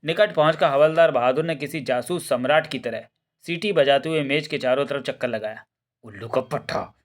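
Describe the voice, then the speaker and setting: A man's voice: fairly high pitch, a little fast. Man narrating a comic story.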